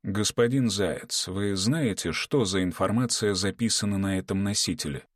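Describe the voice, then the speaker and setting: A man voicing a cold male inquisitor who speaks slowly and deliberately, with dry sarcasm. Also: on the low side, no room sound, close to an everyday voice.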